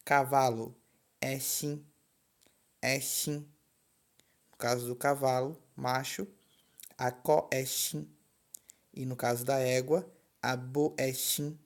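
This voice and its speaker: A man teaching a language lesson, slow and patient, saying each word twice. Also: mid-range voice, flat delivery.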